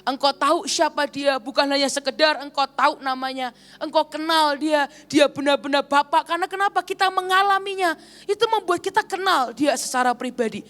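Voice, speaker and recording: A woman's voice: high-pitched, fairly quick, a bit bright. A woman evangelist preaching a sermon at a church service, telling a story and often addressing the congregation directly.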